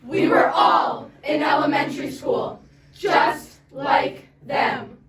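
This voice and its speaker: High-pitched young women chanting in unison, far off. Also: female voice, takes it slowly, heavy background noise. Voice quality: loud, emphatic projection. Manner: chorus in unison, several young voices reciting together. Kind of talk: dramatic choral poetry recitation. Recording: echoey, distant mic, loud crowd of voices.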